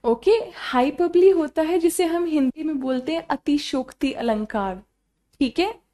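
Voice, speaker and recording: A woman's voice: high voice, measured pace, warm tone. A young woman teaching an online exam-prep class, explaining patiently and mixing Hindi with English while quizzing her students.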